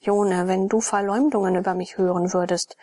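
A woman's voice: medium pitch, steady tone, moderate pace, warm tone, no echo, close to an everyday voice. A woman voicing a troubled young priest, half-whispered and earnest, in an audiobook reading.

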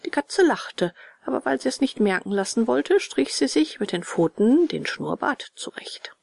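Lady reading a kids' storybook out loud, bouncy lively tone, little gravelly, dry close sound. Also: a little high, moderate pace, no room sound, in a whisper. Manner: lively, expressive read-aloud. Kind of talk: reading a children's storybook aloud.

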